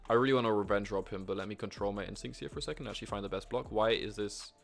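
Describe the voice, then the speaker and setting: A young man gives running commentary on his own online board game, swearing and talking to himself as the rolls go his way or not. His voice sits a little low with a gravelly fry, and faint music plays underneath. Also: very fast. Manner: excitable, swearing, talks to himself. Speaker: streamer. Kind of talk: live gameplay commentary.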